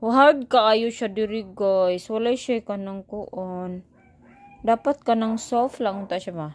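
A woman's voice: mid-range voice, takes it slowly. A woman, casually chatting to her viewers and baby-talking to her pet dog. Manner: mixes Tagalog, Bisaya and English, coos baby talk to her dog. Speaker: vlogger.

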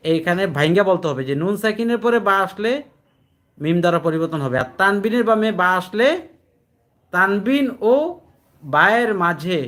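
A man with a slightly raised pitch speaks in to a classroom of adult learners, teaching Quran recitation. He explains each rule more than once and keeps checking that they follow. When he recites examples he slows to a drawn-out chant. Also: a bit bright. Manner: patient, repetitive, checks understanding with questions; chants recited words slowly, drawing out syllables. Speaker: addressed as hujur by students.

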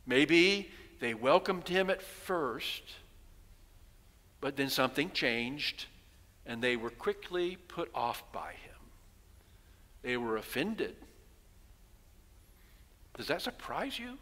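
Slow and full of pauses, his mid-range voice swings widely in pitch, bright and forceful. The older preacher, in his sixties, tells stories at the pulpit of a large sanctuary, puts rhetorical questions to his flock, and imitates townspeople. Recorded on a headset mic, with a church hall's long reverb.

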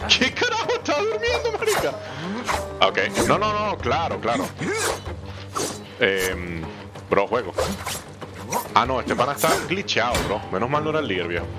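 Male gamer, lively slangy commentary, clear game music behind. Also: on the low side, unhurried, pauses often. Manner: animated, slangy, talks to the game characters. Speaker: gameplay streamer. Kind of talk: let's play commentary.

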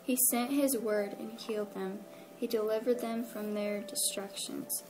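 Female co-host, steady flat scripture reading, set back from the mic over music. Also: mid-range voice, unhurried, poor audio. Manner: steady, even reading aloud.

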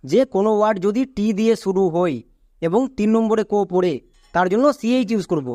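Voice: mid-range voice, fairly quick, warm tone, no room sound, clean studio sound. Teacher spelling out words letter by letter. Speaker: English pronunciation teacher. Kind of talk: explaining spelling rules step by step.

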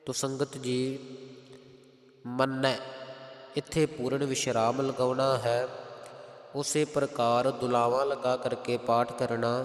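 A man with a Punjabi accent teaching careful scripture recitation, chanting verses slowly and then explaining their pronunciation. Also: medium pitch, little pitch movement. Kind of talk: slow, careful recitation lesson. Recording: roomy, long hall echo.

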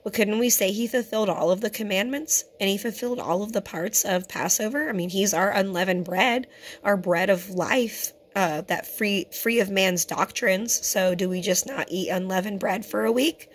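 A woman who teaches a Torah fellowship records a home-made video, explaining scripture earnestly and conversationally and addressing her viewers as brothers and sisters. Her hoarse voice sits at medium pitch and normal speed, and she clears her throat often.

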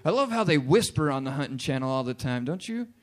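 A man doing a crude, animated stand-up routine in a bar and grill, acting out characters as he goes. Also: medium pitch, fast. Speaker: stand-up comedian.

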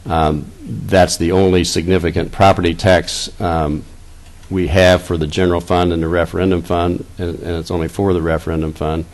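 A man in his fifties presenting a school budget at a public board meeting, seated at a dais and speaking into a desk microphone, halting and repeating words as he reads out figures. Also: low-pitched, little pitch movement, a little mellow. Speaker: school district finance officer.

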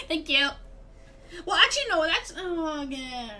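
A woman giving casual, jokey commentary while playing a horror game, excitable and swearing when startled. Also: high-pitched, slight background noise. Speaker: gameplay streamer.

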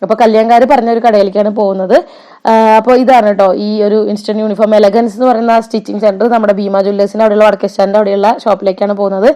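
Fast-talking chatty woman vlogger. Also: medium pitch, little pitch movement, dark tone. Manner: chatty, often adds tag words and fillers. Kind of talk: casual voice-over narration.

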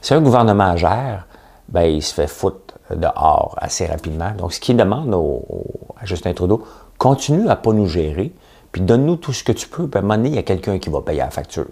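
Québécois male host, deep dark gravelly voice, loose opinionated monologue with lively swings. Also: a little fast. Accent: Québécois French. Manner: chatty, sarcastic, mimics voices. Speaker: podcast host.

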